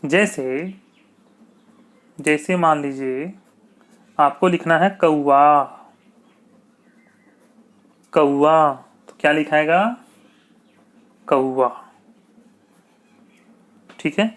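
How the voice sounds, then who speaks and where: Slow, repetitive male teacher. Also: fairly high pitch, steady tone, fairly bright tone. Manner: slow, repetitive, asks checking questions. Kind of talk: exam-prep grammar lesson.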